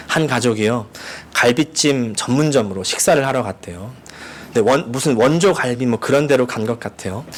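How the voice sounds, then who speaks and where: A male pastor delivering a sermon, telling stories and mimicking dialect phrases for emphasis. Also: mid-range voice. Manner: storytelling, mimics dialect lines with rising emphasis.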